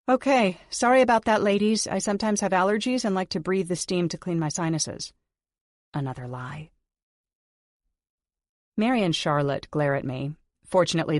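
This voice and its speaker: A woman's voice: low-pitched, no echo. Woman narrating an audiobook, dry and close. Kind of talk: scripted first-person narration.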